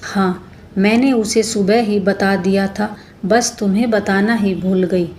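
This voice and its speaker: Woman narrator as a devoted middle-aged mother, brisk and practical, her own voice barely changed. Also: medium pitch, fairly even intonation, darkish tone, lightly acted.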